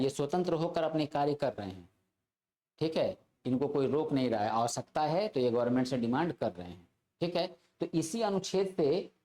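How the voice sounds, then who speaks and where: A man's voice: medium pitch, darkish tone. A male teacher giving a classroom lecture to exam students, repeating key phrases and checking in with his listeners again and again. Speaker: polity teacher.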